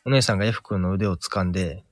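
A man telling an invented ghost story on a podcast, slow and suspenseful, with dramatic pauses and many fillers. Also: low voice, dry recording, studio quality. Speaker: podcast co-host.

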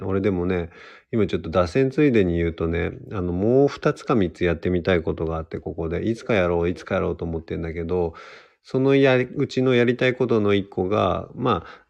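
A young man hosts a casual solo livestream radio show, chatting and poking fun at himself as he answers listener comments. His voice is low and creaky with a darkish tone, and the sound quality is lo-fi.

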